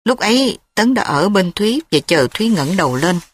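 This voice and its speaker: Brief: woman audiobook narrator, steady expressive storytelling, very dry close sound. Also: medium pitch, brisk, breathy edge, dry recording.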